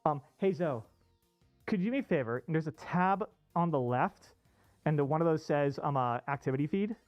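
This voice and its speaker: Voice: mid-range voice, expressive, normal speed, no room sound, soft background music. Muffled, chatty streamer speaking from inside a costume head. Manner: informal, chatty, rambling. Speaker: livestream host. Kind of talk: casual chat. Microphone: off-costume streaming microphone.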